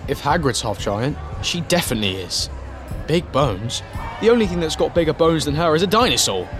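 A man's voice: fairly high pitch, sing-song, a little fast, music in the background. A man voicing an earnest, blunt teenage schoolboy with a dry way of speaking.

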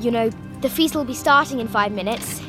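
A narrator voicing an anxious, clever schoolgirl speaking in a hushed voice. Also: extremely high pitch, fairly quick, music in the background, pitched above the performer's own voice. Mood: nervous. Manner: hushed, nervous.

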